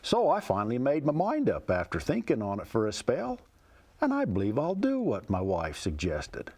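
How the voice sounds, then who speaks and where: A man's voice: medium pitch, huge pitch swings, normal speed, a little mellow. A man recites cowboy poetry in a folksy, rhythmic, storytelling way. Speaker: cowboy poet.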